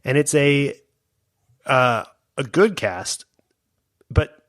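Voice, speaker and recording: Man for a relaxed film podcast, talks in loose, joking bursts with a dry, close sound. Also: mid-range voice, very slow, dry recording. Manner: rambling, jokey, full of restarts. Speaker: podcast co-host. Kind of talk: casual movie-review chat.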